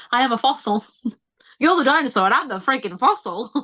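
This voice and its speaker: A woman's voice: high-pitched, bright, forceful tone, no echo. A woman chatting as a guest, laughing often and joking at her own expense. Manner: giggly, self-deprecating. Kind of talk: casual chat.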